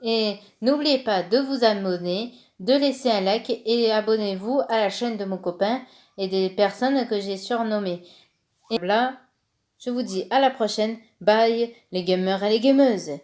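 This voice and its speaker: A woman's voice: mid-range voice, measured pace, darkish tone. A woman hosting her own vlog, rambling and teasing her boyfriend in casual chat. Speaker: channel host.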